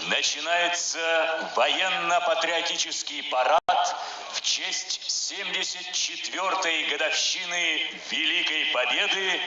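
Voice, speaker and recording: Solemn guy announcing a military parade, really sharp bright voice, heavy echo off outdoor speakers. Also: a little high, slow pace. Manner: solemn, declamatory. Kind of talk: formal ceremonial announcement, reading a military order. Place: large outdoor square at a parade. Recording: echoing outdoor loudspeakers, distant, noisy, dull.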